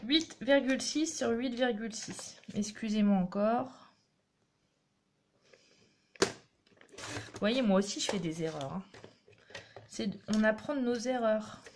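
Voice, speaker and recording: Woman, craft tutorial host, slightly high voice, unhurried and chatty, faint background hiss. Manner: chatty, encouraging, talks while working. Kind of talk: casual step-by-step craft demonstration.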